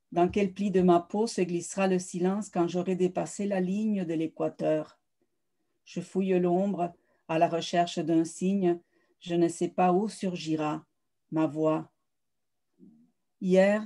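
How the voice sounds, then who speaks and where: Woman, poet reading her own work, even and level delivery, warm dark tone. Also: fairly low pitch. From South America. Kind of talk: poetry reading.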